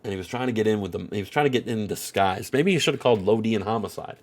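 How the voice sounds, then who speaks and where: Racing along in a fairly low voice, a man with a blocked nose delivers casual, meandering commentary on a wrestling game. Fillers pile up throughout, with "you know" and "at the end of the day" coming again and again.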